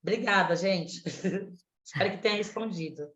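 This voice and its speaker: A woman in her thirties from Pernambuco, Brazil, is running for the state legislature and answers during a panel debate. Her medium-pitched, fairly bright voice moves a little slowly, earnest and activist in tone, often tagging questions onto her statements. The recording sounds roomy, dull and lo-fi.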